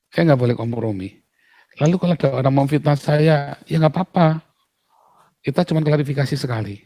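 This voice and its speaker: A man's voice: medium pitch, mellow, dry recording. Emphatic man pastor, dry close sound. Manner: emphatic, full of rhetorical questions. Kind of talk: outspoken casual talk.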